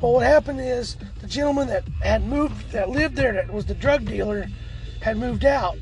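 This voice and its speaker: A man with a hoarse, cracking, strained voice, chatting casually as a podcast co-host in a laid-back, slangy way. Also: very high voice, moderate pace, a little mellow, poor audio. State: hoarse, lost his voice. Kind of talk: casual chat.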